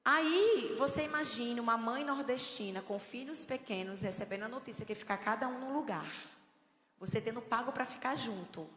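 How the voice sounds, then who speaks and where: A woman's voice: fairly high pitch, normal speed, a bit bright. A middle-aged woman from Northeast Brazil, preaching a sermon with humor and storytelling. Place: church hall. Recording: echoey church hall.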